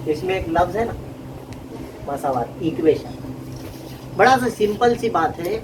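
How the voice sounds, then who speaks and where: A man's voice: high-pitched, expressive, measured pace, distant mic. Male math teacher, patient and questioning, off-mic, traffic noise behind. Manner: explains patiently, often asking the class questions. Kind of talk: classroom lesson.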